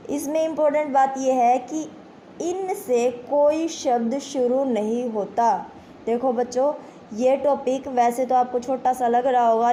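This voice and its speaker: High-voiced woman teaching grammar. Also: mellow, slight background noise. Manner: explains step by step, asks questions and answers them herself; addresses pupils as children, repeats "ठीक है". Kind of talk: Hindi grammar lesson for exam students.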